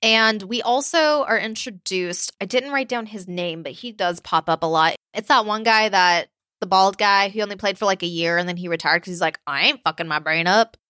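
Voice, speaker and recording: A woman's voice: mid-range voice, normal speed, few pauses, pushed and bright, clean tone, dry recording, studio quality. A woman co-hosting a podcast in casual chat, informal and sweary, drifting into asides. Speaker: podcast co-host.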